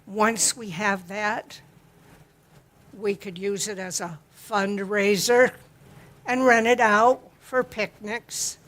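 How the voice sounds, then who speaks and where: A church member gives a gentle spoken reflection and hymn introduction at a worship service in the sanctuary. Her delivery is slow, deliberate and homespun, with fairly even intonation and a fairly bright tone. She calls her own voice low.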